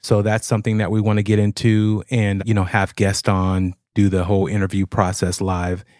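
A man with a lowish voice hosts a podcast in casual conversation. The sound is very dry and close, with no room echo. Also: monotone, moderate pace, a little mellow. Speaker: podcast host. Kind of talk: casual chat.

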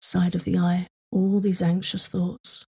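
A woman leading a guided tapping meditation for sleep, speaking in slow, soothing, repetitive prompts. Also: on the low side, completely flat delivery, creaky, dark tone, husky.

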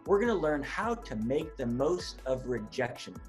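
A man's voice: mid-range voice, very animated, normal speed, faint music behind. A man hosting an interview podcast, reading a friendly scripted intro before chatting with his guest on a video call. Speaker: podcast host.

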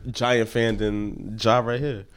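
A man from New York, a podcast host, chatting casually about sports in quick, slangy talk. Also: fairly low pitch, level tone. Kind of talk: casual chat.

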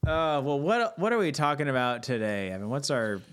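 A man's voice: mid-range voice, big pitch swings, a little fast, a bit bright, smooth. Joking, profane male podcast co-host. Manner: joking, profane, laughs often. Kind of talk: casual chat.

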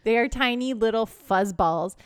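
Excitable woman co-host, high voice, bubbly banter, laughs a lot. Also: normal speed, clean tone, no room sound, clean studio sound. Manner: giddy, laughs often. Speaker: podcast co-host. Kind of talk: casual chat.

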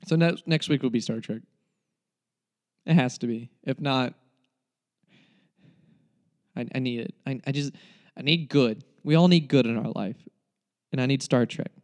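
A man's voice: medium pitch, a little slow, long pauses. A young man giving a casual spoken movie review, rambling and cutting himself off, with mock-dramatic despair.

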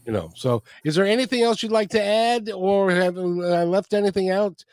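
A man's voice: sits high, lively intonation, normal speed, a little mellow, dry recording, studio quality. A man hosting a talk show, chatting in a friendly way with a guest and closing the episode. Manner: friendly, chatty, repeats words. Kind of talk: casual interview and show outro.

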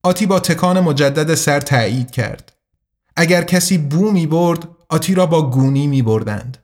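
Man with a slightly high narrating voice. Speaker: audiobook narrator. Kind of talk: scripted narration.

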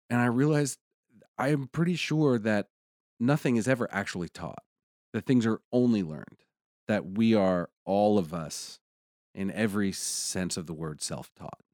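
A man with a very low, deep voice tells a personal story in casual conversation. He talks animatedly and climbs into excited peaks. The sound is dry and close to the mic. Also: moderate pace, dry recording.

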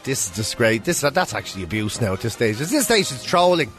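A man's voice: medium pitch, big pitch swings, fairly quick, fairly bright tone, soft background music. A man with a west of Ireland accent from Mayo, bantering casually as a radio co-host, opinionated and mock-indignant. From County Mayo, Ireland.

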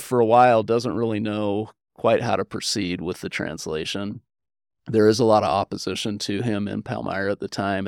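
A low, gravelly and slightly mellow voice comes from an American man interviewed as a historian. He talks earnestly and casually, explaining and telling personal stories. The audio is studio quality with no echo.

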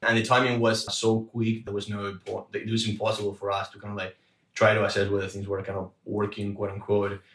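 A man from Argentina speaks as an interviewed researcher, rushing along and piling up fillers and restarts. His voice sits a little low. The sound is roomy and comes from some way off the mic. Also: monotone, fairly bright tone, recorded from a distance. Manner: fast, halting, many fillers and restarts. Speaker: researcher guest. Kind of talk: interview answers.

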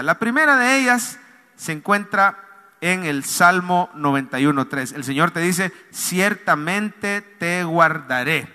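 A man's voice: high voice, sharp tone. A man, a pastor preaching a sermon with call-and-response, pleading and emphatic, in a church hall. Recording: long hall reverb.

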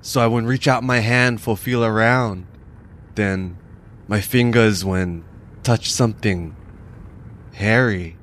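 A man voicing an excitable young local man with a Hawaiian Pidgin accent in an audio story, with slangy, pidgin-tinged delivery. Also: fairly low pitch, takes it slowly, pauses often, slight background noise. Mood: spooked.

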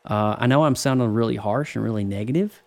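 A man co-hosting a casual movie podcast, rambling with many restarts and quick laughs. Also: mid-range voice, creaky. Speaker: podcast co-host, film reviewer. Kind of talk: casual chat.

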